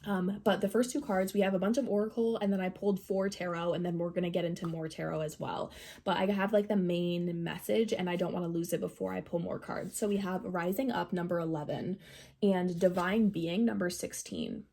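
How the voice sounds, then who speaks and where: A woman's voice: lowish voice, steady tone, a little fast, creaky, dark tone. Nasal woman giving a rambling tarot reading. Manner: rambling, filler-heavy, many "like"s. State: recovering from a cold. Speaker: tarot reader. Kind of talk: casual tarot reading to camera.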